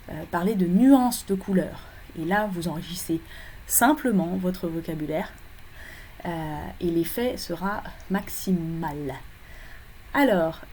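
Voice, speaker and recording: A woman's voice: lowish voice, mellow, slightly rough. A woman teaching English phonology in a recorded lecture for exam preparation, explaining step by step with frequent fillers and self-corrections.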